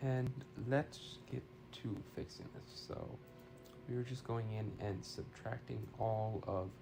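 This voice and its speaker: A man's voice: lowish voice, steady tone, a little slow, vocal fry, noisy background. A man casually talking through his work on a live stream, thinking aloud hesitantly, slightly far from a phone mic. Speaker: game development live streamer. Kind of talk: casual live stream commentary while working. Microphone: phone used as a microphone. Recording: slightly distant phone mic, roomy sound. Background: music.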